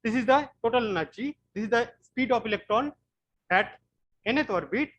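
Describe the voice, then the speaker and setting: A man from West Bengal with an Indian English accent, giving an online physics class and explaining slowly with frequent repetitions. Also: very high-pitched, expressive, fairly bright tone, muffled recording, slight background noise. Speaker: physics lecturer.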